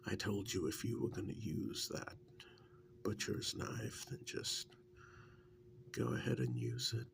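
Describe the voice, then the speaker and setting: Heavily acted, this intimate ASMR role-play has a man with a lowish voice and big pitch swings playing a wry, affectionate partner reminiscing over a noisy background. He speaks softly, haltingly and musingly, breathy and often whispering, in a wry, reflective mood.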